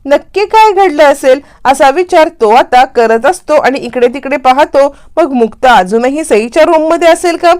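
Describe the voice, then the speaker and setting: A woman's voice: sits high, animated, normal speed, hardly any pauses, a little mellow. A woman retelling a serial story, dramatically acting out the characters' lines in her own voice.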